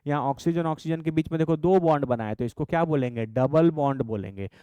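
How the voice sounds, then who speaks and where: Man teaching chemistry, clear dry voice. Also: fairly high pitch, mellow, dry recording. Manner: dictates definitions slowly, calls students "babu". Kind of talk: classroom chemistry lesson.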